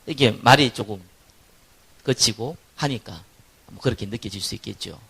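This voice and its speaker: Gravelly pastor with a Gyeongsang accent. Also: male voice, fairly low pitch, normal speed. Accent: Gyeongsang Korean. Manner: lively preaching that swings from loud stress to quiet asides, acting out quoted people. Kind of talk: sermon.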